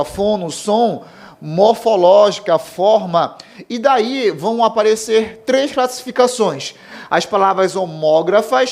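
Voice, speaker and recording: A man from Brazil teaching a recorded grammar lesson, stressing key terms slowly and checking in with his students. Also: sits high, creaky. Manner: explanatory, checks in with "certo?" and "tá bom?".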